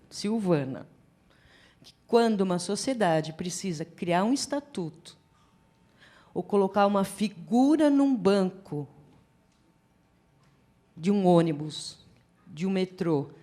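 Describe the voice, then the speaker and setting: A woman giving a psychology lecture at a forum, chatty and animated, acting out little scenes as she talks. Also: on the low side. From Brazil. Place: lecture hall.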